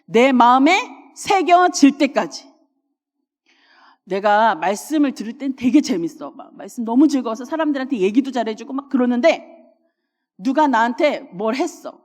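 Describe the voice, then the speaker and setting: A woman pastor preaching a sermon in an animated way, often acting out her listeners' inner thoughts and laughing along. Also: on the high side, moderate pace. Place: church sanctuary. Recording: long church reverb.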